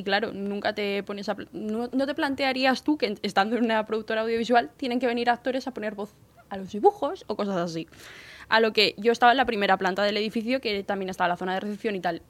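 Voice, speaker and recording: A young woman from Spain, speaking with a Spanish accent, telling a lively anecdote as an interview guest and acting out the voices of the people in it. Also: medium pitch, fast talker. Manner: lively, acts out the voices of others while telling a story.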